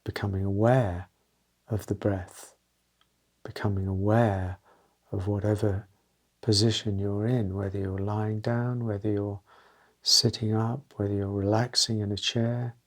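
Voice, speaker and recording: In this guided meditation, a man talks gently and off the cuff, using short, halting phrases broken up by pauses. His voice is on the low side, with little pitch movement.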